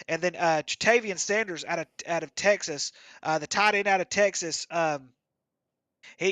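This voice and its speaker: A man's voice: high voice, fairly bright tone, dry recording. A man co-hosting a casual football podcast, talking through draft picks with many fillers and restarts. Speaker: co-host. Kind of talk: casual sports podcast chat.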